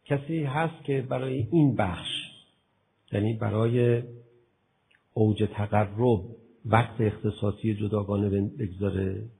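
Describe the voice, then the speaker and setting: A man preaching a religious sermon, acting out imagined talks with his listeners, going from a soft murmur to loud outbursts. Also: on the low side, gravelly, slightly rough, low-quality recording. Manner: acts out both sides of imagined dialogues with listeners; swings from soft murmur to loud impassioned exclamation.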